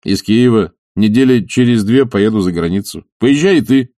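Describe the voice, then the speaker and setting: A man voicing a decisive, energetic friend who gives orders in a brisk way. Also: lowish voice, no echo, clean studio sound, natural voice.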